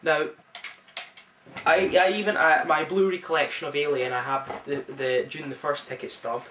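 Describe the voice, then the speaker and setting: A young Scottish man reviewing a film in casual chat, enthusiastic and rambling with lots of restarts, recorded in a friend's flat. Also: on the high side, normal speed, a little hiss or hum. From Scotland. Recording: roomy, mic at a distance.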